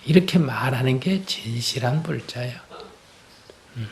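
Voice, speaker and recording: A man's voice: mid-range voice, expressive, a little slow, a little hiss or hum. A man, a Buddhist monk, answering a question in a plain-spoken dharma Q&A, with rhetorical questions and everyday examples. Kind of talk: conversational dharma Q&A.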